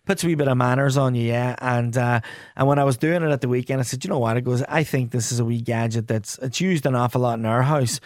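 A man's voice: medium pitch, steady tone, fast talker, dry recording, clean studio sound. A middle-aged man with a Donegal accent, chatting casually as a podcast co-host with a wry, slangy, teasing manner. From Donegal, Ireland. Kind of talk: casual banter.

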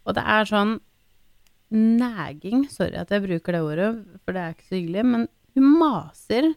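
A woman's voice: no room sound, studio quality. A woman in her thirties chatting casually as a podcast co-host, telling stories animatedly and mimicking her child. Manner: animated storyteller, acts out her child's pleading in a high voice. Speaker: podcast co-host, mother of a young girl. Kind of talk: casual chat.

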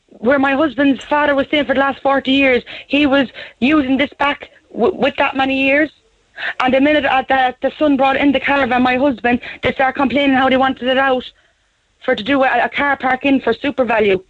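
A woman's voice: high-pitched, fairly even intonation, moderate pace. A young Irish woman calling a radio show over the phone. She sounds anxious and shaken, and her talk is pleading and full of repeats. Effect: heard over a phone line. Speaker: caller. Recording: tinny phone line on radio.

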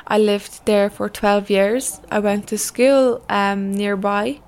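A woman's voice: medium pitch, fairly even intonation, slow, darkish tone, smooth. A young woman, a program assistant talking easily about her work for a documentary. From Ireland. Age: young adult. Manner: chatty, easygoing explanations. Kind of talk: documentary interview. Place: outside a busy office.

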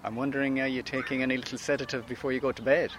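A man's voice: mid-range voice, level tone, very fast. A man from Galway with a west of Ireland accent, giving casual interview answers. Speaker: camper van holidaymaker interviewed. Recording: faint outdoor background noise.

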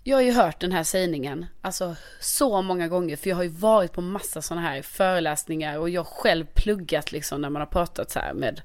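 A woman in casual chat, teasing her friend and chatty, quick to laugh. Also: fairly low pitch, no room sound, clean studio sound.

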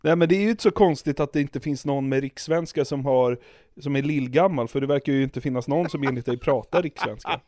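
A man's voice: medium pitch, darkish tone, no echo, clean studio sound. A young Swedish man co-hosting a podcast, skeptical and teasing, swearing casually as he pushes back. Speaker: podcast co-host.

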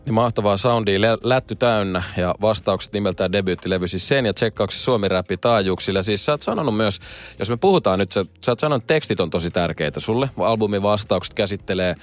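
Jokey male radio host, lowish voice. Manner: lively, jokey, laughs often. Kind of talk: casual interview chat.

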